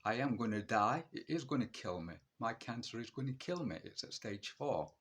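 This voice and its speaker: A man's voice: medium pitch, expressive, normal speed, a bit bright, slightly rough. A man in his early sixties talking straight to the camera in a blunt, defiant monologue, asking himself questions and answering them at once. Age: 60s. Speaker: vlogger sharing his illness.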